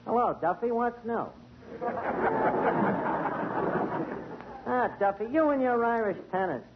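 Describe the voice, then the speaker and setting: Very high-pitched and slow, with big swings in pitch, a male actor plays Archie, the wisecracking tavern manager from a 1940s radio comedy. The vintage radio recording is muffled and noisy.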